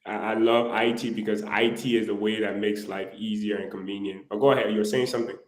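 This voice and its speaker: A man's voice: fairly low pitch, flat delivery, fast talker, reverberant, rough recording. A male talk show host interviewing a guest, upbeat and encouraging.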